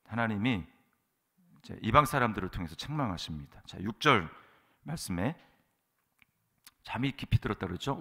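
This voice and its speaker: A man's voice: lowish voice, fairly bright tone. A man preaching a sermon as a pastor, emphatic, asking the congregation rhetorical questions and often saying "yes" between points. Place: church.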